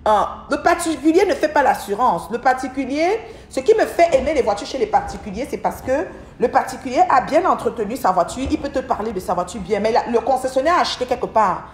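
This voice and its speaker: A woman's voice: sits high, animated, a little fast, a little hiss or hum. Chatty woman rambling in an echoey room. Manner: rambling, repeats words and restarts often; chatty, speaks straight to her viewers. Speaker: livestream host. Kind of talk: casual storytelling livestream. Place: at home, by an aquarium. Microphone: livestream device mic.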